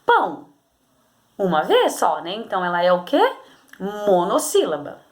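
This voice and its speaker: A woman's voice: medium pitch, sing-song, unhurried. A Brazilian woman teacher guiding children through a workbook lesson, explaining patiently step by step and checking in often. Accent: Brazilian Portuguese. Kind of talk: recorded remote class lesson.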